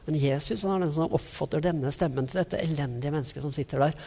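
A man's voice: on the high side, vocal fry, darkish tone, breathy edge. A man preaching a sermon, retelling stories vividly and acting out the people in them. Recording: long reverb of a large hall.

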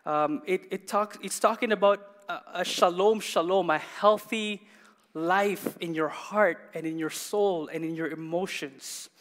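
High-voiced male pastor preaching in a reverberant church. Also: a little slow, a bit bright. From Canada. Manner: emphatic, repeats words for stress, asks the congregation questions. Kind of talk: sermon. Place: church hall.

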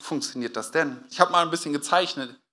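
Animated German-speaking male preacher, bright tone. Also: fairly high pitch, fairly quick. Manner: animated, acts out quotes with sudden loud outbursts. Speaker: pastor. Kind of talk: sermon.

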